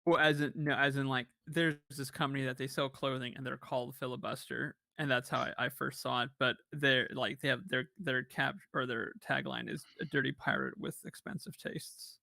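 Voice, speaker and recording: A man's voice: medium pitch, fairly even intonation, normal speed, creaky, few pauses, pushed and bright, no room sound. A man acting as game master, chatting and narrating casually with frequent fillers. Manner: rambling, many fillers and laughs.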